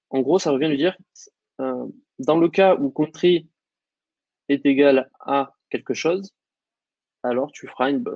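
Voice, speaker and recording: A man teaching a coding lesson over a screen share, explaining in a relaxed way with lots of fillers. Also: medium pitch, dry recording, dull audio. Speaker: coding instructor.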